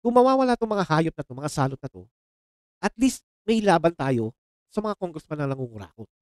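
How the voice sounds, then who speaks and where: A man's voice: on the high side, big pitch swings, a little fast, darkish tone, dry recording. A Filipino man ranting in casual political commentary to his viewers. He sounds heated and sarcastic, and he keeps mixing English exclamations into his speech. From Philippines. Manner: calls viewers "mga chong". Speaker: political reaction vlogger.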